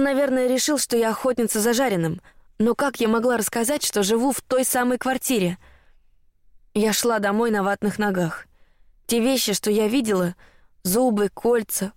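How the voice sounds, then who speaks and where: A woman narrating a horror story in the first person, in a measured, tense storytelling manner. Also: a little high, darkish tone, dry recording, studio quality.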